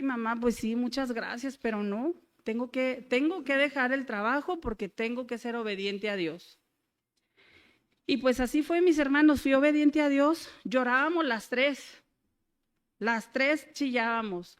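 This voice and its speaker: A woman's voice: fairly high pitch, clear, resonant tone. A middle-aged woman, preaching a sermon and telling her own story in a homely way. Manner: folksy storytelling, addresses congregation as brothers. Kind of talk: sermon with personal testimony.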